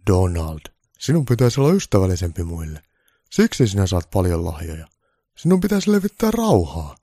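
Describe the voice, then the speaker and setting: Blunt old Santa Claus, put on by a man: firm, dry delivery, gravelly and dark-toned, in a comic storybook reading. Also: low voice, huge pitch swings, dry recording, heavily acted. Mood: blunt, matter-of-fact. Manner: dry, matter-of-fact, firm.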